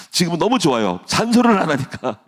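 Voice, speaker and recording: A middle-aged man preaching a dawn sermon as pastor, jokey and lively, laughing often and dropping to a near hush at times. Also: a little high.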